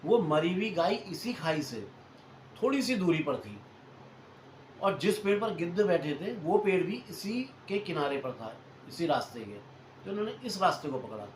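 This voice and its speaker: A man narrates a hunting tale in a loose, chatty way, going back over his points in new words. His voice sits a little high for a man. The room is echoey and has a faint hiss behind it. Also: big pitch swings, moderate pace. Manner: chatty, repeats and rephrases points, addresses listeners as friends. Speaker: storyteller host. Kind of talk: casual spoken retelling of a hunting story.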